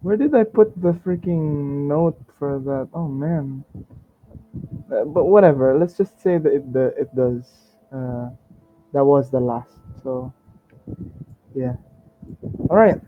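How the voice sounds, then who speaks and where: A man narrates a tabletop game as its game master, relaxed and unhurried, laughing often as he hunts through his notes. His voice comes through a dull, lo-fi recording with a faint hiss behind it. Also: on the high side. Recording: dull lo-fi sound with faint noise.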